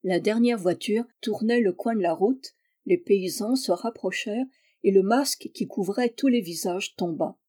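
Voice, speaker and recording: A woman reads a classic novel aloud, measured and even in her storytelling. Her voice is mellow and warm. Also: medium pitch. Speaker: audiobook reader.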